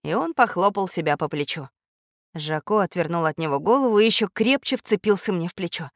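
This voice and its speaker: A woman narrating a children's storybook in an expressive, warm reading manner. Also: fairly low pitch, a little fast, no room sound, clean studio sound. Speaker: audiobook reader.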